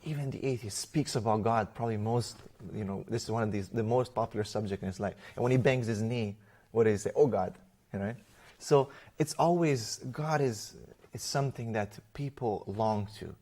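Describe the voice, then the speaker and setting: Romanian-born male guest, lowish voice, animated storytelling with restarts. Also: moderate pace. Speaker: interview guest. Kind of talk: conversational personal testimony.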